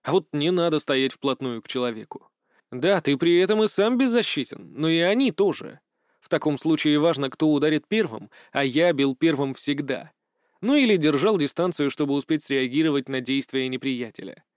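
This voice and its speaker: A man's voice: on the high side, lively intonation, moderate pace, no room sound, studio quality. A man narrating a first-person audiobook in a matter-of-fact, wry way.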